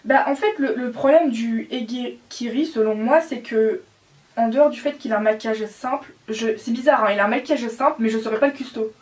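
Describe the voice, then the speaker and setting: A young woman around eighteen, chatting casually and hesitating often with fillers. Her voice sits a little high. She sounds a step back from the microphone. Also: brisk. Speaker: doll collector channel host. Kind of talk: casual chat. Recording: distant from the mic.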